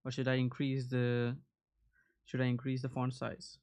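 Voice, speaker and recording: A man's voice: mid-range voice, completely flat delivery, moderate pace, a little mellow, clean tone. A man hosting a live coding stream, chatting casually with his viewers. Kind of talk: casual livestream chat.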